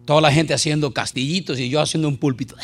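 A middle-aged man preaching an animated sermon full of jokes and anecdotes. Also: fairly high pitch, fast, soft background music. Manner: animated, jokey, shouts and laughs at times.

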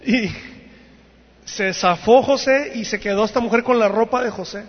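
A high-pitched man gives an animated youth sermon. He tells the story and acts out its voices. He is recorded in a church hall, with a long, ringing reverb and a dull, muffled sound. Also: normal speed. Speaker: youth preacher.

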